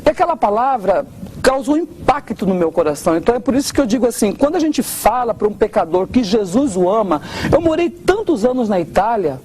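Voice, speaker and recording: Speaking quickly with hardly any pauses, this high-pitched man delivers an emotional interview testimony in a Brazilian Portuguese accent. Earnest and expressive, he voices the people he quotes in changing tones, with slight background noise behind him.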